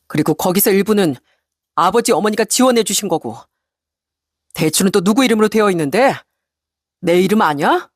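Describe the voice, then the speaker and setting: A cold, unbending middle-aged husband voiced by a woman reader lays out his terms in a flat, deliberate way. Her pitch stays in a middle range, and the recording is dry and close. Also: no room sound, close to an everyday voice. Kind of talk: storybook radio narration.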